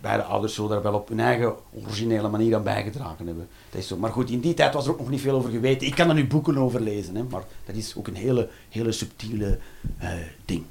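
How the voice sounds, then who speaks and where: A man performing a stand-up comedy routine. He swings between loud outbursts and low muttering, and he swears. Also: creaky, a little hiss or hum.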